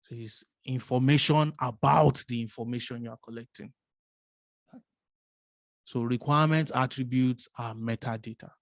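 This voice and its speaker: A man's voice: medium pitch, steady tone, normal speed, vocal fry, no room sound, clean studio sound. A man teaching a business analysis course, explaining step by step, asking rhetorical questions and often adding "right?". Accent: non-American English.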